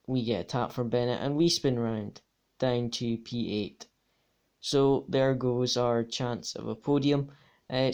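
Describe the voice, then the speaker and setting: Male sim racer, voice-over commentary, matter-of-fact, mid-pitched voice. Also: a little mellow, clear, resonant tone. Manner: matter-of-fact, talks through laps turn by turn. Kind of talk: race replay commentary.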